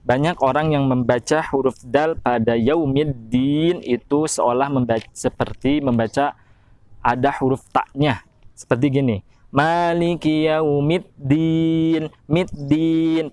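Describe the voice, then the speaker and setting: An Indonesian man teaching recitation rules, slowly chanting example verses between plain explanations. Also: medium pitch, darkish tone. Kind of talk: tajwid lesson with slow recited examples.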